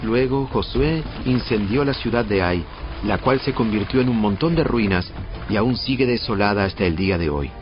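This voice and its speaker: A man narrating a dramatized audio Bible in a measured storytelling delivery. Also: lowish voice. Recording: muffled band-limited audio. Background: prominent background music.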